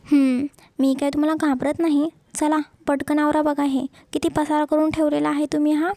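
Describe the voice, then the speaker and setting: Bashful young wife, voiced by a woman, gentle scolding, high mellow tone, dry recording. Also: monotone, brisk, creaky, no room sound. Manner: coaxing, mildly scolding.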